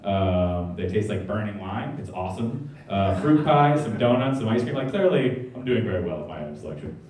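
Rambling stand-up comic in an echoey theater. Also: male voice, fairly low pitch, lively intonation, fairly quick, darkish tone, recorded from a distance. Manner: rambling, self-mocking, full of "like" and "uh". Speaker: stand-up comedian. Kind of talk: stand-up comedy set. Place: comedy theater stage. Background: audience laughter.

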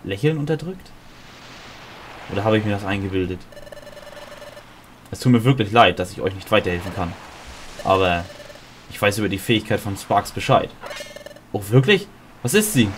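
A man playing a video game and reading all of its dialogue aloud, with small slips and restarts. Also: on the low side. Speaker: let's player.

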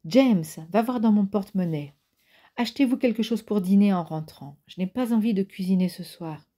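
A woman's voice: mid-range voice, normal speed, dark tone, voice pushed up, natural voice. Woman doing a weary, slurring drunk mother. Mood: exasperated. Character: tired, drunk mother with a headache. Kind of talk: audiobook character reading.

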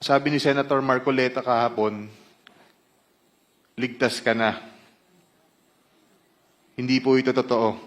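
A man with a Filipino accent, testifying as a witness at a hearing, reads formal testimony in a mix of Tagalog and English. His voice is medium-pitched and level, a little slow, with long pauses.

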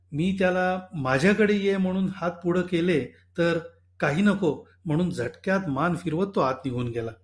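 A male storyteller narrating a short story for an audiobook. His voice sits high for a man, and his reading stays calm and measured. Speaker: story reader.

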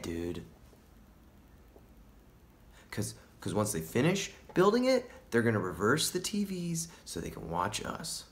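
A paranoid young stoner rambles on about conspiracies, played by a male actor in a self-tape monologue. He keeps tossing in "dude" and "man". His voice lurches from loud, high bursts down to hushed whispers. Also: lightly acted. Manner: drops into hushed whispered asides; wildly swinging pitch and loudness.

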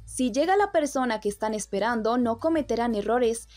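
A woman's voice: fairly high pitch, expressive, normal speed, a little mellow, dry recording, soft background music, close to an everyday voice. A woman voicing a stern male ex-captain who gives curt orders, read out plainly in a dry voice. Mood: commanding.

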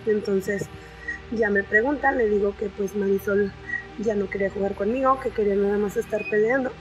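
A young woman telling a personal story in a casual, conversational way, often pausing on fillers. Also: mid-range voice, soft background music, poor audio. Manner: conversational, with frequent fillers and restarts. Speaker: storyteller sharing a personal experience.

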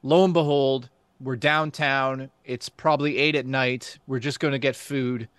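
A man hosting a casual podcast, telling a story excitedly. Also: mid-range voice, unhurried, clean tone, no echo.

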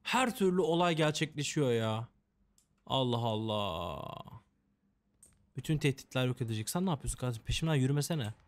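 Man, let's-play commentary, joking, chatty, mock-dramatic grumbling, average pitch. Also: expressive, moderate pace. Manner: joking, chatty, talks to game characters. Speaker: gameplay commentator.

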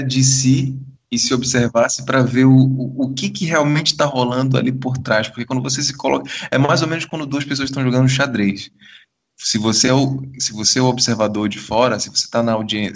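Podcast co-host, male, husky voice, reflective and rambling delivery, lo-fi recording. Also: mid-range voice. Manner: rambling, many restarts, searching for words. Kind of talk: casual reflective chat. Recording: dull lo-fi sound.

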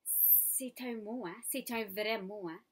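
A woman teacher with a Franco-Ontarian French accent, leading young children through a phonics lesson in slow, clear, coaxing speech. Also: medium pitch. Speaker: kindergarten teacher.

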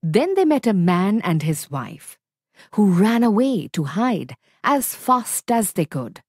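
A woman reading a fable aloud for learners, slow, lively and clearly paced. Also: mid-range voice, no room sound, clean studio sound. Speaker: storyteller.

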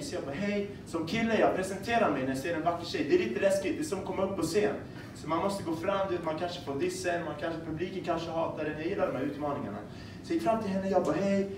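Animated young man doing stand-up in a club. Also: high voice. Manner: animated storytelling, acting out dialogue. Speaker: stand-up comedian. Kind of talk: stand-up comedy set. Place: comedy club stage. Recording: echoey club room, far-off mic, crowd noise.

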